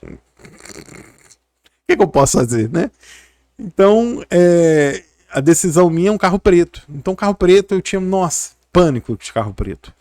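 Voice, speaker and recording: A man's voice: high-pitched, sing-song, moderate pace, pauses often, darkish tone, no room sound, studio quality. A middle-aged man, talking casually and rambling to camera, full of fillers and tag questions. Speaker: physiotherapist YouTuber.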